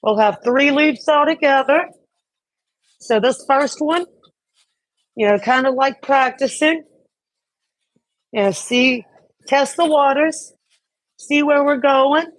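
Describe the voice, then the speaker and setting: A woman with a high voice leads an indoor cycling class. She speaks slowly, in short counted cues and encouraging instructions. The sound is close and dry, with little room around it. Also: no echo, poor audio.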